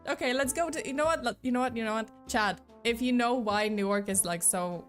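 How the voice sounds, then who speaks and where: Speaking briskly in a voice on the high side, a young non-native English speaker with a slight mixed accent rambles casually on a live stream, using plenty of fillers. Soft background music accompanies her.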